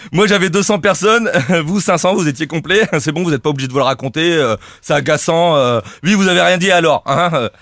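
Corsican man with a higher, dry voice. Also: fairly quick, no room sound. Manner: self-mocking, teasing deadpan jokes with frequent "euh". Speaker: radio comedy columnist. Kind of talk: comic radio chronicle.

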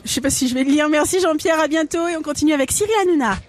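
A man's voice: very high-pitched, rapid-fire, soft background music. A man hosting a radio comedy show, playfully reacting to the guests. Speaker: radio host. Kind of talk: casual radio chat.

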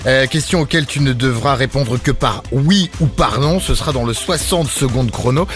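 A man's voice: mid-range voice, moderate pace, soft background music. A man hosting a comedy radio show, with an upbeat presenter delivery. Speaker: radio host. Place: radio studio.

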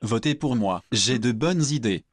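A man's voice: medium pitch, animated, normal speed, dry recording, studio quality, natural voice. A man voicing an automated robocall candidate, delivering short, scripted, repetitive phrases in a polite but insistently self-promoting way. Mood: insistent, self-assured.

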